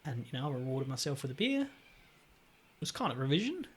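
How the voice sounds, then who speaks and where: A man, a podcast guest telling stories in a blunt, sweary and animated way. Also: mid-range voice, quick pace, husky. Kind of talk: casual chat.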